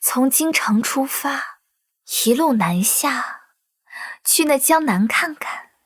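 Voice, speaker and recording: An actress playing a young imperial consort in a costume drama, with coy, deferential courtly speech. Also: female voice, sits high, expressive, slow pace, no echo, studio quality. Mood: coaxing, sweet. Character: young imperial consort, coaxing, sweet and secretly scheming.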